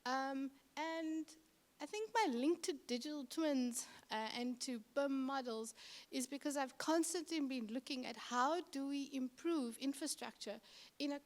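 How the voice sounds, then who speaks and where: A middle-aged woman with a Cape Town South African accent, giving a conference presentation as a city infrastructure manager, talking conversationally with frequent ums and uhs. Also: high-pitched.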